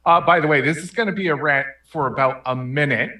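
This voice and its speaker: A man playing a tabletop roleplaying game, talking casually and deliberately with frequent pauses. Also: on the high side, sharp tone, roomy sound. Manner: slow, deliberate, pausing often. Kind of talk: casual in-character game talk. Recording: picked up from a distance.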